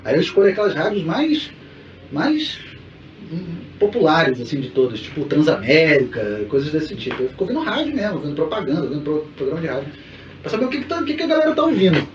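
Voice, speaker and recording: A man co-hosts a casual podcast and explains things in a relaxed way, often laughing. His voice is a little high. The recording is dull, roomy and distant, with faint background noise. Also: fast talker. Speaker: podcast co-host. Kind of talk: casual chat. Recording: echoey room, distant mic, dull sound, faint noise.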